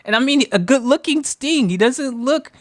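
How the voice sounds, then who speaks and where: An American podcast host giving chatty, excitable live reaction commentary and talking straight to listeners. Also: high-pitched, normal speed, no echo.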